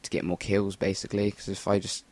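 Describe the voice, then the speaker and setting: A young English man with a deep, darkish voice talks fast with little pitch movement as he provides rambling, profane voice-over for a shooter game. The gameplay commentator uses an inexpensive Rock Band USB mic.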